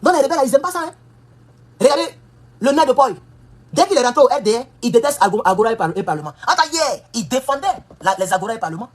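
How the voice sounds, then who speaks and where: A woman's voice: fairly high pitch, lively intonation, fast talker, slightly rough. A woman giving an impassioned political monologue, emphatic and scolding, firing off rhetorical questions. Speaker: political commentator. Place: United States.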